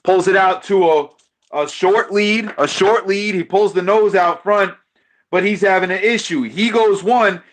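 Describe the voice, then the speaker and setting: A man with a notably high voice calls a race live, excited and repeating his calls, tripping over names now and then. His voice is starting to wear out. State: losing his voice. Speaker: race commentator. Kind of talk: live play-by-play commentary on a diecast car race.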